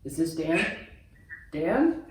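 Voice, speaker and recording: A man's voice: fairly high pitch, very animated, slow pace, a little mellow, a little hiss or hum. A man calling as if from a jail payphone, playful and breaking into laughter, heard over an echoey phone line. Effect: prank collect call as if from a jail payphone, heard over the phone line. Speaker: youth pastor prank caller. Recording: distant, very echoey phone audio.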